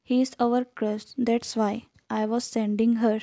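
A woman's voice: a little high, little pitch movement, measured pace, warm tone, no room sound. A woman reading the lines of an apologetic young sister in a fan story, naming her before each line. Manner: reads the figure's name before each line. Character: young girl-in-law, apologetic sister who edited a photo.

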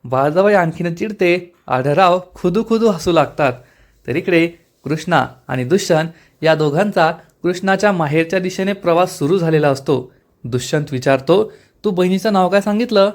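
A man's voice: a little high, normal speed. A man enthusiastically narrating a recap of a TV serial episode for his viewers. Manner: enthusiastic, retelling.

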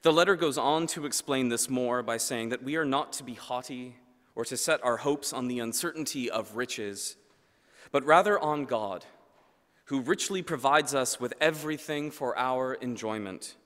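The recording, washed in long church reverb, captures a man in his thirties giving a sermon into a lectern microphone in a large church. His delivery is earnest and measured, with each phrase trailing off low and quiet.

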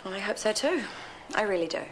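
An actress playing a dry, guarded hospital worker in a TV soap. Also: female voice, medium pitch, expressive, fast talker, slight background noise, close to an everyday voice. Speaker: hospital staff member. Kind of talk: TV soap acting.

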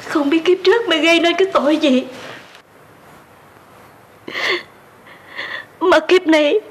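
A woman's voice: extremely high pitch, fairly even intonation, fast, slight background noise. A tearful middle-aged mother. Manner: tearful, pleading. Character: distraught rural mother begging her son to stay. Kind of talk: TV drama acting.

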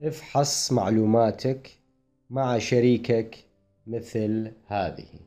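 Slow, mellow-voiced man teaching. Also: fairly low pitch, fairly even intonation, faint music behind. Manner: explains in Arabic, reads English phrases slowly and carefully. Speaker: English teacher. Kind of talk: classroom grammar explanation.

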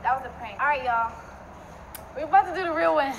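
A woman's voice: high voice, animated, fast, muffled recording, a loud crowd. A young woman talking casually and emotionally to camera as a nervous vlogger. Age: young adult. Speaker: vlogger in a gender reveal video. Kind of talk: casual excited talk to camera. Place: outdoors in a fenced yard. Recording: noisy, echoey outdoor phone video, played back.

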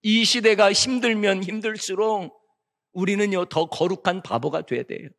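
A middle-aged man preaching a revival sermon with a notably high-pitched voice. He drops into soft, intimate storytelling, then climbs into loud, emphatic declarations. The long reverb of a church sanctuary trails after every phrase. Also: moderate pace. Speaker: guest pastor.

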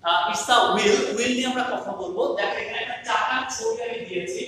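A man's voice: extremely high pitch, a little fast, sharp tone. A man teaching an English lesson, mixing English and Bengali and repeating each point. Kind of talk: online class lesson. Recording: echoey hall, distant mic, faint noise.

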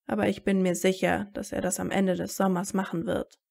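A woman's voice: medium pitch, flat delivery, a little fast, gravelly, darkish tone. A woman reading as a wary, bitter teen wizard. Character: guarded teenage wizard boy, wary and bitter.

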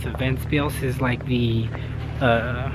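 A man's voice: mid-range voice, level tone, slow, heavy background noise. A man casually hosting a travel vlog outdoors, joking and laughing as he goes. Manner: jokey, laughing, playful. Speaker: travel vlogger.

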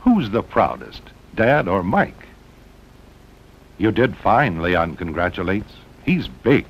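A husky, very animated American man narrates slowly over a 1960s promotional documentary. His style is dramatic with short, punchy phrases, and the old film audio is muffled, carrying a low rumble.

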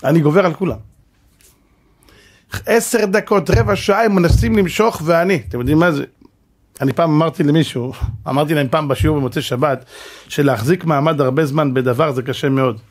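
A man, a rabbi, giving a sermon-style Torah lecture before a live audience, telling a story dramatically and asking the listeners rhetorical questions. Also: a little high.

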